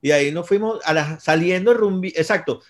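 A man with a Venezuelan accent telling casual, rapid, slang-filled anecdotes as a concert promoter. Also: high voice. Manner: rapid, slangy, profanity-laced. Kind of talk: casual storytelling.

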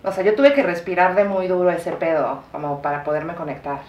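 A woman's voice: fairly low pitch, a little fast, darkish tone. A Mexican woman co-hosting a podcast, chatting casually in slangy talk and swearing freely. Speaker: podcast co-host. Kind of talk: casual chat. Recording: echoey room, mic far off, faint noise.

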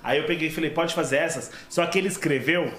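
Animated São storyteller, man. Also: fairly high pitch, quick pace, roomy sound, a little hiss or hum. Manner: animated storyteller, acts out quotes, laughs often. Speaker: guest telling a story. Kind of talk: casual podcast chat.

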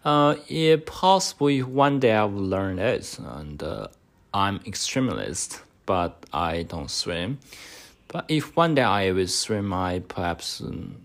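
Answering mock speaking exam questions, a Chinese-native podcast host speaks slowly in a deep voice with lively intonation. His speech is halting and full of fillers.

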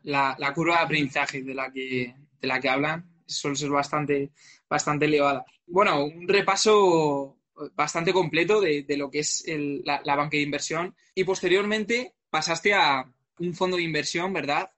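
A man's voice: a little high, normal speed, fairly bright tone. A man hosting a casual interview as the interviewer.

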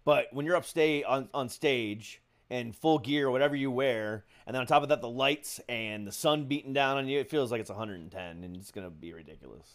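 A man's voice: medium pitch, brisk, few pauses. A man in his forties hosting a casual podcast chat, laid-back, swearing and laughing often. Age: 40s. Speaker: podcast host.

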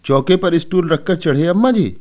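A man voicing a tearful, pleading little girl with a shrill, whiny voice in a storybook reading. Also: lively intonation, normal speed, darkish tone, lightly acted. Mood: tattling.

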